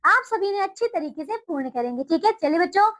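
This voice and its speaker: A woman teaching young children to read, coaxing them and reading words slowly and drawn out. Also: extremely high pitch, expressive, fairly bright tone. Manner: coaxing, keeps checking in with the class.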